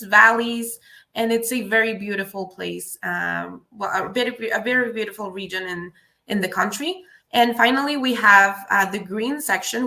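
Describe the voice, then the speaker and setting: A young woman from Peru, a student presenting in a live webinar in earnest, halting English with many fillers. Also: mid-range voice, pushed and bright. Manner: earnest, with frequent fillers and restarts.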